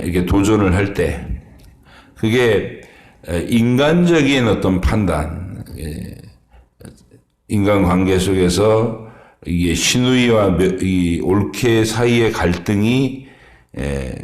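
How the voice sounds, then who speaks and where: A male pastor gives a dawn sermon in a slow, unhurried cadence, pausing often and filling the gaps with soft hesitations. His voice sits fairly low. The sound carries the echo of a church sanctuary. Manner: slow, halting delivery with many fillers. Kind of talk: early-morning sermon.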